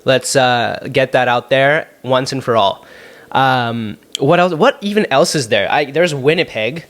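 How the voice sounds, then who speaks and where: Podcast host, young Canadian guy, mid-pitched voice, loose and jokey delivery with sarcastic asides. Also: unhurried, a bit bright. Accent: Canadian English. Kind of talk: solo podcast Q&A, casual chat. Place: apartment room at home.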